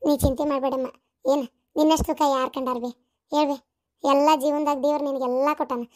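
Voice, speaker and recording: Woman voicing cartoon village women, North Karnataka Kannada accent, very high squeaky pitch, shrill and exclaiming. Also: level tone, fast, a little mellow, lightly acted. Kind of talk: cartoon voice acting.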